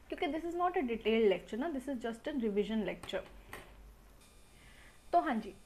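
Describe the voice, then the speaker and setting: A young woman teaching a quick revision lecture, talking fast and asking her students lots of rhetorical questions, recorded on a mobile phone. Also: on the high side. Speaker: accounts teacher. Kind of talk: quick revision lecture mixing Hindi and English.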